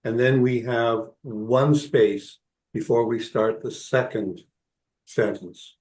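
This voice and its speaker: Slow careful man in an echoey room. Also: medium pitch, steady tone, darkish tone. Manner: slow, careful, checking understanding. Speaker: workshop participant. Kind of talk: asking a question in a workshop. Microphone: video call. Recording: roomy echoey call audio.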